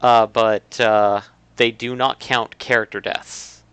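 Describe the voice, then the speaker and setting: A man's voice: medium pitch, little pitch movement, takes it slowly, fairly bright tone, clear, resonant tone, no echo. A man streaming a video game, chatting casually with a co-host and rambling with lots of filler words and restarts.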